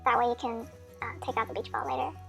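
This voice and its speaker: A woman's voice: a little high, fairly even intonation, fast, creaky, fairly bright tone, faint music behind. A woman's voice sped up into a chipmunk voice, giving a chatty, friendly craft how-to voice-over with small slips. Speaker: craft tutorial maker.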